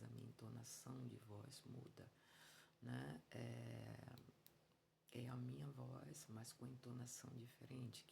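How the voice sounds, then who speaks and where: A man with a Brazilian Portuguese accent giving an informal religious teaching, halting and full of fillers and restarts. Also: mid-range voice, creaky, background noise. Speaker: evangelical preacher. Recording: loud music bed behind voice.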